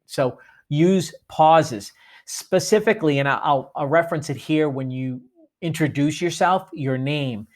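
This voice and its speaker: A man from Boston with a Boston accent, giving an instructional training talk on communication in a lively, demonstrative way. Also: on the high side. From Boston, United States. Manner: lively, demonstrative, often slows for emphasis.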